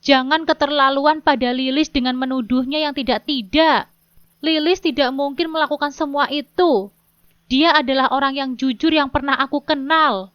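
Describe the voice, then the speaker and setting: A woman's voice: high-pitched, moderate pace, no room sound, lightly acted. A woman voicing a defensive husband in a wheelchair, questioning his wife in a storybook drama. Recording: dull lo-fi dry sound.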